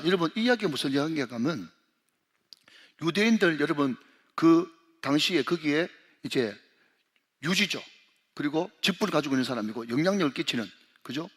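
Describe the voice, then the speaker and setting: Korean church pastor guy preaching, fairly high voice, echo rings out like a big hall. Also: fairly bright tone, slightly rough. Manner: emphatic preaching, often addresses the congregation and asks them to read along. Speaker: senior pastor. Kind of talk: sermon. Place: church sanctuary. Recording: long hall reverb.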